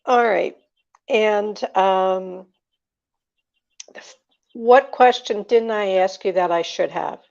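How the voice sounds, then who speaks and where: An older woman hosting a food show, interviewing a guest and reading plugs and announcements in a slow, deliberate way. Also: mid-range voice, creaky, a little mellow, muffled recording. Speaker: radio host.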